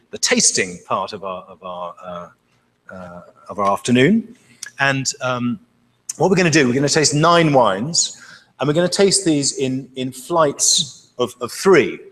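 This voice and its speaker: A man's voice: mid-range voice, fairly bright tone. A man leading a wine tasting, speaking live to an audience with enthusiasm and frequent stammered restarts. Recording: echoey hall.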